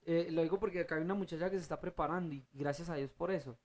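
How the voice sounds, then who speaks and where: A Bible teacher leading a study group, emphatic, putting questions to the audience and answering them, with loud rising bursts. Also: mid-range voice, very fast.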